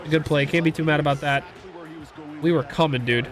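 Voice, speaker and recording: A young man's slightly high, brisk voice carries his casual commentary on a football video game. This gaming YouTuber gets excitable, rambles, and shouts out reactions to big plays.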